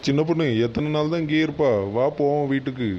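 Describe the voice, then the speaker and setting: A man's voice: fairly high pitch, fairly even intonation, fast, a little mellow, highs cut off, a little hiss or hum, natural voice. A man playing a pleading son-in-law in a cartoon, coaxing. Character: pleading son-in-law, eager to bring wife home.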